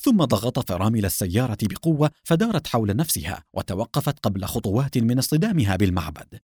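A man's voice: medium pitch, big pitch swings, fast talker, darkish tone, husky, dry recording, studio quality. A man giving dramatic, scripted narration of a children's adventure story.

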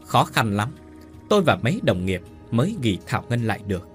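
A man's voice: mid-range voice, very animated, brisk. A man narrating a dramatic family tragedy story in a grave, dramatic manner. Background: faint music.

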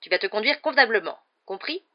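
Storybook villain uncle: blustering, menacing, shouting, as the reader acts him out; dull recording. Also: mid-range voice, expressive, fast, pitched above the performer's own voice, natural voice. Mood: furious. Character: fat bullying middle-aged uncle, blustering and furious.

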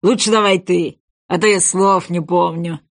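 A woman's voice: on the low side, steady tone, moderate pace, close to an everyday voice. A woman voicing a boisterous, bossy male sea wolf fish in a storybook reading, speaking in emphatic exclamations. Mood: exclaiming.

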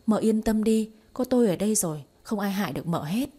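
A gentle young husband who dotes on his wife, read by a woman narrator in an audio story. He speaks softly and soothingly in a warm, slightly husky voice. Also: medium pitch, expressive, fast talker.

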